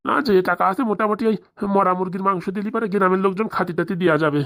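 A woman's voice: mid-range voice, rapid-fire, fairly bright tone, lightly acted. A woman voicing a meek, henpecked old village husband in a comic cartoon, placating and backpedaling.

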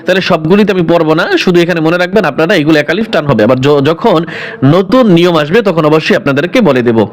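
A man teaching Quran reading, spelling out letters and vowel marks, then slowly drawing out each whole word. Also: on the high side. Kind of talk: spelling-out recitation lesson.

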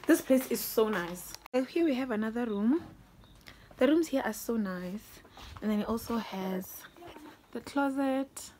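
A young woman talks her way slowly through a holiday lodge on her phone camera, gushing over each room. Her voice sits a little high, and her words come unhurried and drawn out. A faint hiss runs under the sound. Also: lively intonation, dark tone. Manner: chatty, easily delighted, gushing. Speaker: vlogger. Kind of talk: casual house-tour narration. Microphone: handheld phone camera.

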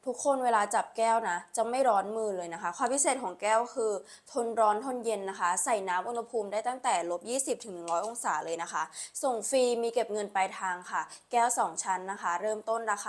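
Woman live seller pitching nonstop. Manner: repetitive, urging hard sell with frequent polite particles. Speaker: live-stream online seller.

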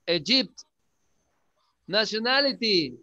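A male English teacher giving a class, repeating words slowly and checking in with questions. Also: sits high, sing-song, pushed and bright, highs cut off, a little hiss or hum. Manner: coaxing, checks in with frequent questions. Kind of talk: classroom lesson.

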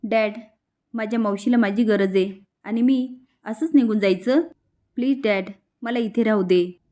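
A woman's voice: on the high side, unhurried, dark tone, close to an everyday voice. A woman voicing a young daughter who earnestly pleads with her father, in a spoken soap-story retelling. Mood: pleading.

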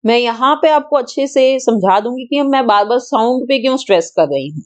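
A woman's voice: a little high, expressive, a little fast. A woman teaching a grammar lesson to children, patiently repeating and stressing sounds and asking questions she then answers herself.

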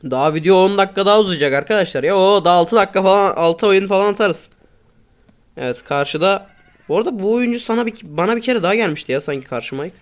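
A man doing casual gameplay commentary, grumbling and swearing at his teammates, then breaking into sudden loud outbursts. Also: high voice, quick pace. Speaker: gaming YouTuber.

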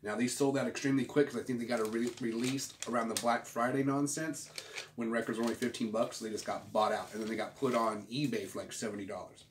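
The host of a record collecting video channel, a man in his forties, chats casually to camera in a laid-back, rambling, slangy way, doing a show-and-tell vlog. His voice is medium-pitched with fairly even intonation and a quick pace. He's in a small room at home, picked up by a roomy, distant mic with clear background noise.

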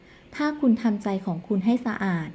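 A woman's voice: moderate pace, mellow, lightly acted. A woman reading a stern young man lecturing. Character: young man scolding a spoiled rich woman. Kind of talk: storyteller reading a drama recap.

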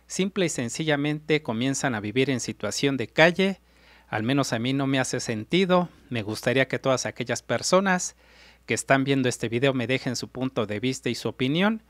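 Talking straight to his audience, a middle-aged reaction video host from Mexico offers earnest, repetitive commentary in a medium-pitched voice. He's indoors before a city backdrop, wearing in-ear monitors and speaking into a big desk microphone, and the recording is dry.

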